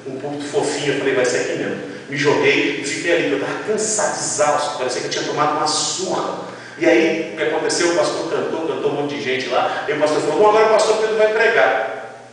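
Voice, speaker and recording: A male preacher from Brazil telling a testimony in a sermon, acting out dialogues with lively storytelling. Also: a little high, quick pace. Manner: animated storytelling, quoting God and people in dialogue. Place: large church. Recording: echoey church hall from far off.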